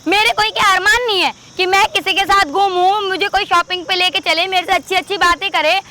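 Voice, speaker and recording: A woman's voice: extremely high pitch, fairly even intonation, brisk. A woman playing a scornful, demanding young wife. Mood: resentful. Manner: argumentative, complaining, sharp retorts. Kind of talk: staged family drama. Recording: loud outdoor street noise.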